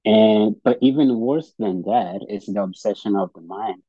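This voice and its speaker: A Brazilian man whose first language is Portuguese gives personal testimony and reads aloud in English at a recovery meeting. His low, husky voice is halting, with frequent repeated words and restarts. The recording is dull and dry, with no room sound.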